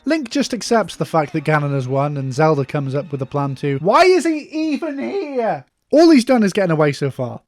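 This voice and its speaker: A man's voice: on the high side, very animated, brisk, hardly any pauses, a little mellow, faint music behind. Sarcastic man reviewing old cartoons. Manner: sarcastic and mocking. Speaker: video reviewer. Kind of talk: comedic retrospective narration.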